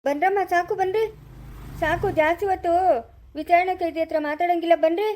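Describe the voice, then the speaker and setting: A woman's voice: extremely high pitch, fairly even intonation, a little fast, a little mellow, slight background noise. A woman with a Chikkaballapura Kannada accent playing a strict female jail guard who barks orders. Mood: bossy. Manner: bossy, ordering.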